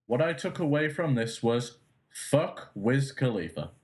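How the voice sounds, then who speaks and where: Male co-host, blunt rant, swears a lot, mid-pitched everyday voice. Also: very animated, measured pace, darkish tone. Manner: blunt, ranting, swears freely. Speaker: podcast co-host. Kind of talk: live post-show chat.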